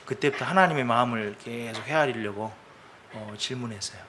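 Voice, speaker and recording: A man preaching a Sunday sermon in a bright, forceful voice at a middling pitch. He talks to the congregation in a chatty, storytelling way and slips into the voices of people he quotes. A faint ambient hiss runs underneath. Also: brisk. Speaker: pastor. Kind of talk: conversational sermon. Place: church service.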